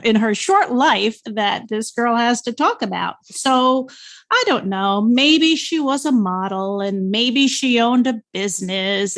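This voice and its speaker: A woman's voice: fairly high pitch, fairly bright tone. A woman in her sixties with a New York accent, hosting a podcast in an enthusiastic, chatty way. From New York State. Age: 60s. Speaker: podcast host. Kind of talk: upbeat podcast intro and interview.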